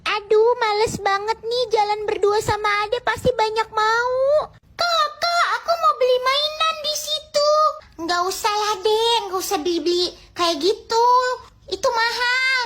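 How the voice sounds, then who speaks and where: A woman's voice: extremely high pitch, a little slow, fairly bright tone. A woman voicing both a grumbling older sister and a whiny little sibling in a comedy skit. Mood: bickering. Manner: switches between an annoyed and a childish voice.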